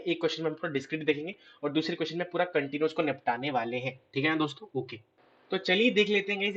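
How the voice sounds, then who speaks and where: A hoarse man teaching a math lecture, asking questions and answering them himself. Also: fairly high pitch, a bit bright, muffled recording. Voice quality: clears his throat. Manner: explains step by step, asks and answers his own questions. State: hoarse, scratchy throat.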